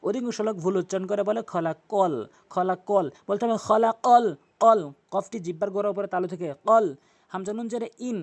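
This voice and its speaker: A man's voice: high voice, creaky. Bengali man teaching Quran recitation. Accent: Bangladeshi Bengali. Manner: instructive, spells letters out slowly, then chants verses drawn out. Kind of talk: tajweed lesson with recitation.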